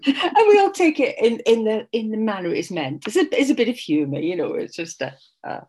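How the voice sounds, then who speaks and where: Chatting casually during an interview, this middle-aged woman author from England, with hints of a Scottish accent, laughs a lot and keeps restarting sentences. Her voice is a little high and a little mellow, very animated and fairly quick. There is a little hiss or hum in the recording.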